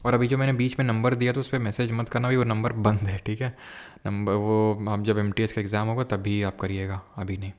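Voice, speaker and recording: A man's voice: fairly low pitch, flat delivery, brisk, a little mellow. A young man teaching a live online exam-prep class, mixing Hindi with English terms and answering viewers' chat questions.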